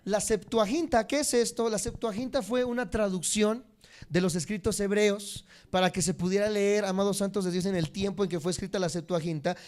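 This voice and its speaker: High-voiced preacher teaching a congregation. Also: male voice, darkish tone. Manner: addresses the congregation directly, repeats key words for note-taking; swings between emphatic high peaks and dropped low endings. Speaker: Bible teacher. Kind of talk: church teaching sermon.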